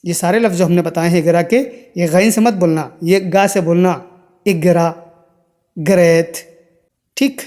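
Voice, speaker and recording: Slow, high-voiced man teaching Arabic words. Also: darkish tone, big-room sound. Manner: slow, repeats each word several times; stresses exact pronunciation. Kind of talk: spoken language lesson.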